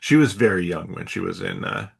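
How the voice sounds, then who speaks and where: A man's voice: sits low, fairly quick, creaky, husky. A young man co-hosting a podcast, chatting casually with a wry, dry sense of humor and frequent laughter. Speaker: podcast co-host.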